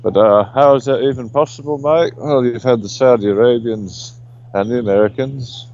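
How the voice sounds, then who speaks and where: A man's voice: mid-range voice, normal speed, darkish tone. A man giving casual commentary as a remote guest analyst, wry and dryly humorous, over a muffled call line. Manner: wry, dry humour, says mate.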